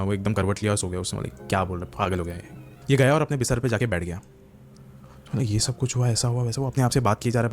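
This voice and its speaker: A man tells a horror story at a quick clip, leaning into the drama and voicing each character's lines himself. His pitch sits in an ordinary middle range. Soft music plays faintly behind him.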